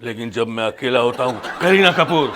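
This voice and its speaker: A man's voice: medium pitch, expressive, fairly quick, a little hiss or hum, pitched below the performer's own voice, natural voice. A man playing a bumbling, lecherous fake faith-healer baba in a comedy sketch, chanting like a street hawker and flaring up in mock anger. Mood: comic. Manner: loud, sing-song hawker chants, sudden angry outbursts.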